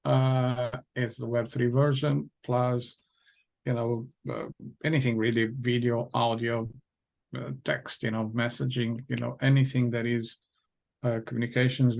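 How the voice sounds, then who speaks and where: Gravelly man with a Portuguese accent. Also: medium pitch, a little mellow. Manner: hesitant, many fillers and restarts, laughs often. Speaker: guest, tech company founder. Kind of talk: casual interview talk.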